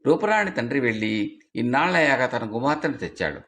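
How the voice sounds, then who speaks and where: A man's voice: medium pitch, a little fast. A man telling a folk tale for children, bringing the dialogue to life as he reads. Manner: lively expressive telling with acted dialogue. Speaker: storyteller. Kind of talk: storytelling for children.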